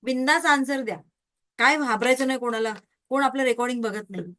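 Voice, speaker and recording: A woman teaches an online Reiki class. She talks in a lively way and keeps checking in with her students through a video-call mic. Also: high voice, a little fast. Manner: lively, quizzes the class with repeated questions.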